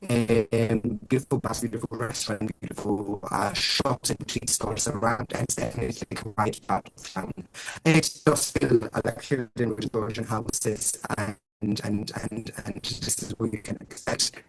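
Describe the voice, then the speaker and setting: A man's voice: on the low side, steady tone, moderate pace, husky, low-quality recording. A man giving an upbeat sales presentation over a video call, with audio that breaks up at times and a lot of glowing adjectives. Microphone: computer mic on a video call.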